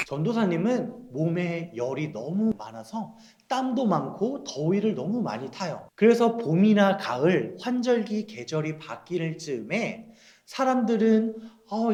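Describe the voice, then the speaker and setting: Young male children's pastor, gentle questioning tone, lively and high pitch, roomy echo. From South Korea. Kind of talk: children's sermon.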